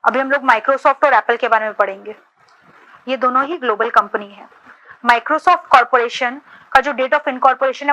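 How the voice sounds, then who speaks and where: A woman teacher with a high, bright voice runs an exam-prep lecture. She fires quick questions at her students and mixes Hindi with English. She keeps checking that they are following along. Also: low-quality recording. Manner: repeats "ठीक है" to check understanding.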